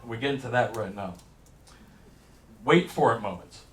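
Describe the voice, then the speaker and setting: A man's voice: mid-range voice, normal speed, far from the mic. Man lecturing in a roomy hall. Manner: explanatory, enthusiastic, talks over music examples. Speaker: lecturer on hit song structure. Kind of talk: classroom lecture. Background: song excerpts playing faintly.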